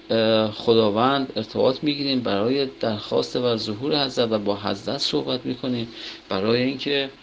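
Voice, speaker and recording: A man's voice: medium pitch, gravelly. A man giving a religious sermon, reciting Arabic prayer lines and explaining each one in Persian, on a muffled lo-fi recording with faint background noise. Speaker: cleric.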